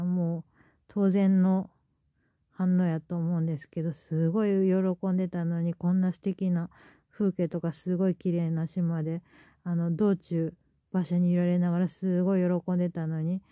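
A woman's voice: lowish voice, flat delivery, normal speed, no echo, phone-quality sound. A woman with a Kansai accent hosting her own podcast, retelling a story in a chatty, rambling way with many fillers. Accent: Kansai Japanese. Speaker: podcast host. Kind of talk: casual storytelling monologue.

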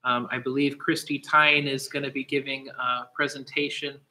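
A man with a bright, forceful voice co-hosting an online show. He talks casually and leads prayers in an earnest, steady way. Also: medium pitch, low-quality recording. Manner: earnest, slow and steady when praying. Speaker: co-host. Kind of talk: casual chat and spoken prayer.

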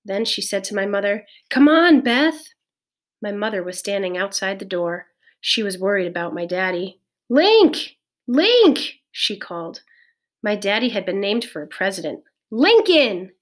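A woman reading a children's novel aloud in a measured, clear storytelling voice. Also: mid-range voice, level tone, fairly bright tone. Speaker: audiobook reader. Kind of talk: scripted narration of a children's novel.

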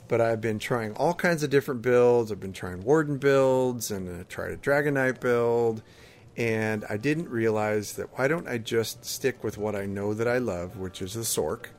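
A man's voice: mid-range voice, moderate pace. A man co-hosting a podcast, chatting casually and explaining things in a conversational way. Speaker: podcast co-host. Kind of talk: casual chat, recounting gaming. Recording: faint background ambient noise.

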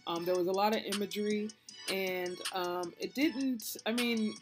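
A woman co-hosts a relaxed podcast chat, speaking in a laid-back, hesitant way with sighs and restarts. Music plays clearly under her voice. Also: mid-range voice, a little slow. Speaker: podcast co-host. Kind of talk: casual chat, movie review.

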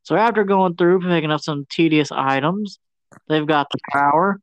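Slangy podcast guy, kinda high voice, dead dry sound, animated storyteller. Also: normal speed, clean tone, dry recording. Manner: slangy, animated storyteller who acts out characters. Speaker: podcast co-host. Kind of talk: casual movie recap.

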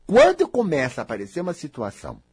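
A Brazilian man speaking in a very husky, breathy voice that sits fairly high. His pitch swings widely as he delivers an emphatic motivational talk. He speaks straight to his listeners and drives his points home by repeating them. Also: wildly swooping pitch, quick pace, darkish tone. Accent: Brazilian Portuguese. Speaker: spiritual self-help speaker.

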